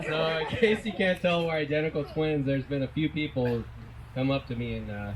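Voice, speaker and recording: A man's voice: a little high, moderate pace, heavy background noise. A man in his early thirties giving an informal, self-deprecating comedic speech as best man at a wedding reception. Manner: self-deprecating, joking, chuckles through his words. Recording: live event with loud crowd laughter.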